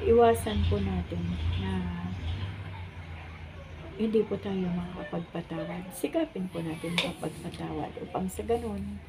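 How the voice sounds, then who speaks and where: A woman in her sixties giving a heartfelt faith testimony to her viewers, speaking earnestly and politely with frequent pauses and fillers. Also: fairly low pitch, noisy background. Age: 60s. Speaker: vlogger sharing testimony.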